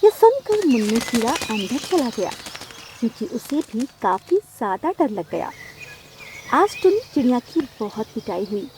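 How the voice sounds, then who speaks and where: A woman narrating a children's cartoon story in a steady storytelling way. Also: a little high, measured pace, background noise.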